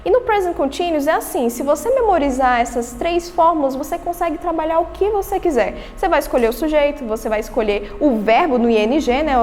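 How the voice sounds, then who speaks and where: A high-pitched woman with a Brazilian Portuguese accent teaches an English lesson, walking through each rule step by step. She asks herself questions and then answers them. Her voice rings with a long reverb, as if she is in a reverberant room. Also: a little mellow. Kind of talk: recorded remote lesson.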